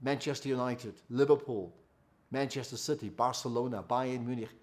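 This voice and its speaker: A man's voice: mid-range voice, moderate pace, a little mellow. A man giving a motivational masterclass. He repeats key phrases for emphasis and asks rhetorical questions. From South Africa. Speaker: company founder giving a masterclass.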